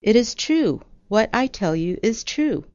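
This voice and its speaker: A woman's voice: a little high, sing-song, measured pace, darkish tone, no room sound, pitched above the performer's own voice. A woman voicing a brave young male warrior who speaks earnestly. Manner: earnest, insistent. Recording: dull lo-fi audio.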